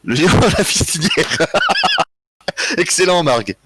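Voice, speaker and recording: A tired man hosting a live history quiz, reading out chat answers in a relaxed, joking way with frequent chuckles. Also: fairly high pitch, unhurried, noisy background. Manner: relaxed, joking, chuckles often, thinks aloud. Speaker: quiz host.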